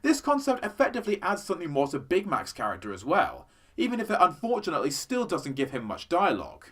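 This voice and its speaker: A man's voice: high voice, huge pitch swings, quick pace. A man reading a polished, evaluative episode review. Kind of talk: scripted review narration.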